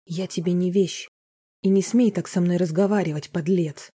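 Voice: medium pitch, fairly even intonation, moderate pace, warm tone, husky, close to an everyday voice. A reader voicing a frightened but defiant young wife in an audiobook. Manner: defiant, pleading. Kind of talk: audiobook character reading.

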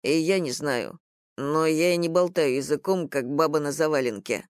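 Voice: medium pitch, normal speed, clear, resonant tone, dry recording, clean studio sound, lightly acted. A reader voicing a stern, haughty man who speaks curtly.

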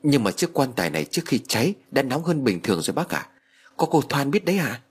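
A man voicing a nervous teenage boy who answers his elders in a hurried, polite way. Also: mid-range voice, sing-song, husky, voice pushed up.

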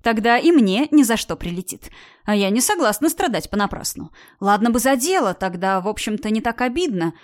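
A woman voicing a loud, bossy, teasing woman of about thirty in an audiobook. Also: fairly high pitch, very animated, brisk. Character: brash mocking woman around thirty.

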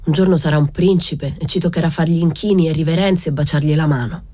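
A woman's voice: sits low, fairly even intonation, quick pace, mellow, no echo, pitched above the performer's own voice. A woman reading an audiobook voices a hot-tempered male fisherman who mutters curses and resents the Spanish soldiers. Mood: resentful.

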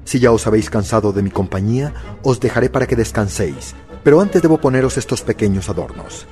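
A man voicing a sarcastic male jailer with a harsh, hoarse voice in a read-aloud story. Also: medium pitch, animated, quick pace, dark tone, soft background music, close to an everyday voice. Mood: mocking. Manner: mocking, menacing.

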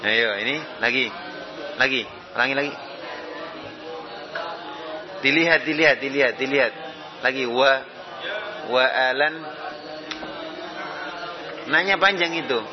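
Man, recitation teacher, slow deliberate corrections, muffled recording, group of students around. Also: mid-range voice, crowd noise. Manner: short repeated corrections, modeling sounds. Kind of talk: correcting students' pronunciation in class. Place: classroom with students.

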